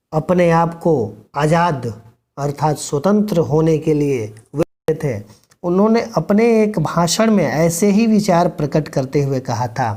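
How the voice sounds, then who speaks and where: A man's mellow, soft-edged voice, sitting a little high for a man, explains a textbook chapter to his pupils. He speaks slowly and deliberately, reading each line and then spelling out what it means. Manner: reads a passage aloud, then explains it line by line, urging students. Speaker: school Hindi teacher.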